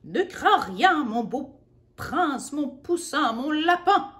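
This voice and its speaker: A woman's voice: high-pitched, sing-song, slow pace, a bit bright, voice pushed up, full character voice. A woman voicing a bold, triumphant mother who comes to rescue her son in a storybook.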